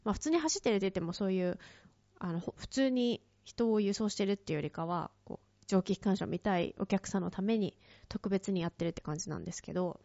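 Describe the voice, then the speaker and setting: A woman tells a casual story, chatty and loose, full of fillers and light laughs, and she jumps up in pitch when she acts out what people said. Her voice sits at an ordinary middle pitch. The recording is dry and close, with a slightly dull, lo-fi tone. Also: fast talker, dark tone, no room sound. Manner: chatty, acts out quoted lines in a raised voice.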